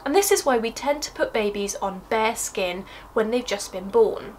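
A young woman hosting a science explainer video, delivering a scripted, upbeat explanation in a clear voice. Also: fairly high pitch, expressive, normal speed, a little mellow, a little hiss or hum.

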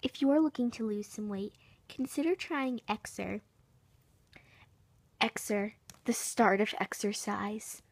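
Woman acting as earnest infomercial workout host, slow salesy pitch, kinda breathy. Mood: salesy, upbeat. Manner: salesy, rhetorical questions, deliberate emphasis. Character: earnest female fitness infomercial host, a doll. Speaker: infomercial presenter.

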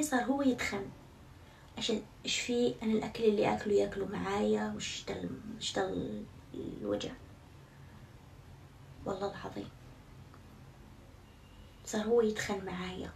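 A woman's voice: a little high, steady tone, quick pace, long pauses, a little mellow. Young woman vlogger, casual and joking, slight room hiss, mic a bit distant. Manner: chatty and self-mocking, swears oaths often. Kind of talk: casual vlog chat to viewers. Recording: somewhat far from mic, faint background noise.

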